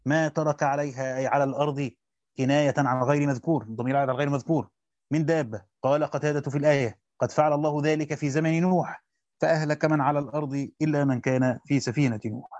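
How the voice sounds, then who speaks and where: A man with an Egyptian accent reads a Quran commentary aloud quickly as a teacher. He stops to explain grammar and quizzes his students. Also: a little high, steady tone, darkish tone, dry recording. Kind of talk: fast classical Arabic reading with colloquial explanations. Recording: dull lo-fi dry recording.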